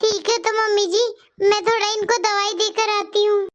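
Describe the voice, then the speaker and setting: A woman voicing a gentle, patient elder daughter-in-law in a cartoon story, soft-spoken and accommodating. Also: extremely high pitch, little pitch movement, normal speed, dull audio.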